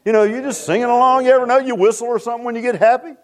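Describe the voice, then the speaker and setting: In a church sanctuary, a pastor with a deep voice races through a sermon in a fairly even intonation. He keeps repeating and restarting, calling out to the congregation as he preaches.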